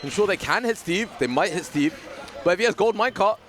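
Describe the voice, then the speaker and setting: British male esports caster, playful and excitable, higher register. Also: fast. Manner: playful, jokey, excitable on big moments. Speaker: esports commentator. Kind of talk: live tournament commentary.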